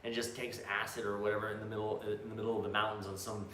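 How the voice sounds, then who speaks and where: A man's voice: lowish voice, little pitch movement, fast talker, a bit bright. Blunt, profane man in an echoey room. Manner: blunt, profane storyteller with many restarts. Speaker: co-host. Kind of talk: casual chat. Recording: roomy echo, faint background noise.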